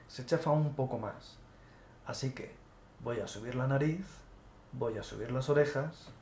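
A man calmly talking through each step as he draws, narrating an animation tutorial. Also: mid-range voice. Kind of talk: screen-recorded drawing tutorial. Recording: echoey room with faint noise.

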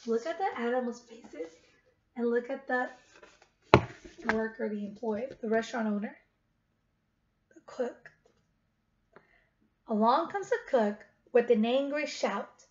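With a fairly high voice, a slightly slow pace, and long pauses, a teacher in her thirties reads aloud to young kids and repeats questions to them. She's on a webcam at about arm's length in her living room at home. The audio is dull, with clear noise.

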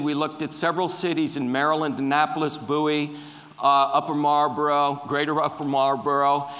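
A man's voice: a little high, fairly bright tone. A middle-aged man giving a conference lecture with slides, quizzing the audience as he goes. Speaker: conference speaker on tree pests. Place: large dark conference hall with a stage. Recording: reverberant conference hall.

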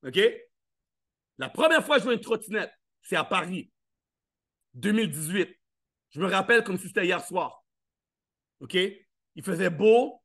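A man's voice: high voice, big pitch swings, a little slow, gravelly, pauses often, fairly bright tone. A man giving a live motivational talk, playful and interactive, firing questions at the audience and acting out little scenes. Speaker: motivational speaker. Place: live event stage.

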